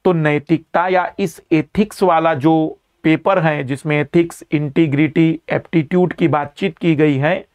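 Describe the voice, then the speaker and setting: A man's voice: a little high, steady tone, a little slow, hardly any pauses, narrow, tinny audio. Emphatic male teacher explaining. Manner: explanatory, emphatic, repeats key terms. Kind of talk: live online exam-prep lecture.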